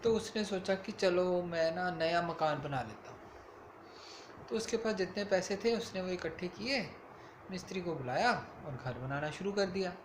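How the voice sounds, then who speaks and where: A man's voice: sits high, animated, normal speed, roomy sound, noisy background. A man telling his young daughter a bedtime story in a casual, explaining way. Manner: casual, explains to the child as he goes.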